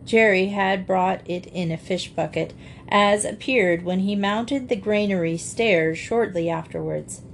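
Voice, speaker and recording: A woman reads a classic children's storybook aloud at a mid pitch, steady and expressive. Her narration flows evenly between the characters' lines. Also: measured pace, gravelly, a little hiss or hum. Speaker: audiobook narrator.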